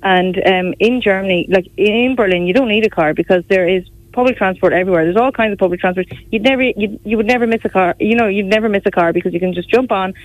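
A Galway woman, an opposition politician, talks politics in a radio interview at a fast clip with few pauses, her voice medium in pitch. Her west of Ireland speech is conversational and laced with "you know" and "like". The recording is dull and dry, with no echo.

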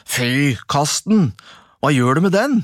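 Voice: medium pitch, expressive, dry recording, studio quality, close to an everyday voice. A storyteller voicing two scornful older brothers in a folk tale, scolding and dismissive. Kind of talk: storybook reading.

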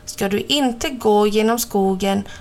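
A woman voicing a kind old grandmother in a storybook reading, speaking slowly and high. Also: natural voice. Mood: admonishing. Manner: warm, slow and high.

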